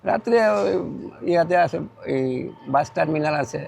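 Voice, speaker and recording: A middle-aged man with a Bangladeshi Bengali accent, a poor food seller speaking humbly and haltingly on a city street. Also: a little high, lively intonation, vocal fry, noisy background. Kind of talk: casual street conversation.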